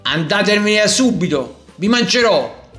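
A man's voice: high voice, very animated, measured pace, fairly bright tone, faint music behind, pitched above the performer's own voice, full character voice. A man voicing a huge green male dragon in a storybook, threatening at first, then confiding.

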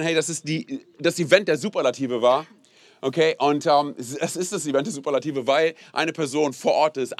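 Young male pastor, casual animated sermon, slightly high voice, dry close sound. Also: no echo. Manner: casual, animated, peppered with "hey" and "so, ne?"; has the audience repeat phrases aloud. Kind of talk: lively sermon.

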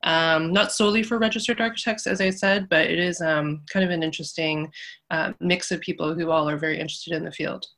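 A woman in her thirties, an architect talking modestly over a remote call, with many pauses and fillers. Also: deep voice, steady tone, fairly bright tone. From Canada. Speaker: architect and guest. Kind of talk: casual interview.

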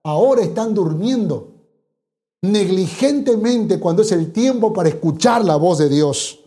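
A pastor delivering a sermon with a mellow, warm tone. The delivery is emphatic, driving points home through repeated phrases and pointed rhetorical questions. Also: mid-range voice, animated, measured pace.

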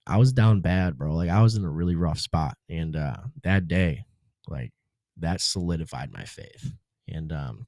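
A man's voice: deep voice, darkish tone, no room sound, studio quality. A man guest on a podcast, telling a personal story in a casual, laid-back way, full of slang like "dude" and "bro".

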